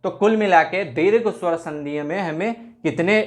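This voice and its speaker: A man's voice: high-pitched, moderate pace. A man teaching a grammar lesson at a whiteboard, asking himself questions and then answering them, and stretching out vowels in the example words.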